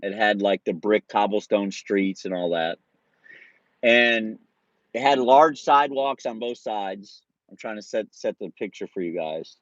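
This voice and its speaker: A man's voice: fairly low pitch, unhurried, no echo. Laid-back man in his forties, lo-fi. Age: 40s. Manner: laid-back, swears freely, laughs through his story. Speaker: streamer. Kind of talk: casual storytelling to viewers.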